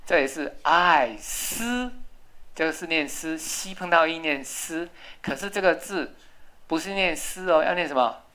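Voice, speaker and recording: A woman's voice: sits low, moderate pace, a bit bright. A woman English teacher, leading a classroom lesson and patiently drilling spelling and pronunciation.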